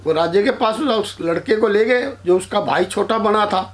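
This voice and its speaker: A man with a notably high voice tells a folk tale aloud. He repeats himself and restarts his sentences often, in a loose spoken style. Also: normal speed. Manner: repetitive, loose storytelling with restarts. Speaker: storyteller.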